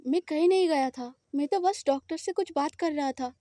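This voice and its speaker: A woman's voice: high-pitched, moderate pace, no echo, clean studio sound, lightly acted. A woman voicing a protective, possessive woman who firmly reassures her frightened partner. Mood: firm, soothing. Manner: firm, reassuring, slightly louder. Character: possessive, protective woman lover, firm and soothing.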